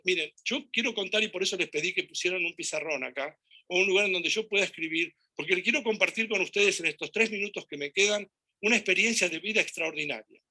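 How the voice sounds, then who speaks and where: A man with a Rioplatense Spanish accent giving a talk to an audience, telling anecdotes in an animated way and acting out dialogue and gestures. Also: high-pitched.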